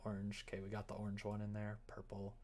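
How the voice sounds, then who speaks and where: While livestreaming his work on a visual novel, a man rambles and mutters to himself, tossing in joking asides as he chats casually. His voice is on the low side and darkish, delivered quickly and in a monotone.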